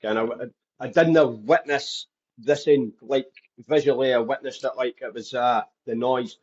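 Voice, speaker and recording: A man's voice: medium pitch, steady tone, unhurried, breathy edge, dull audio. A man with a Dundee Scottish accent, speaking openly as a podcast guest who tells his life story. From Scotland. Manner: open, candid storytelling.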